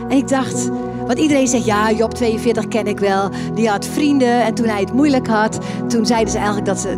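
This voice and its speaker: A woman pastor preaching a sermon, quoting scripture with lively, sudden high exclamations. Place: church hall.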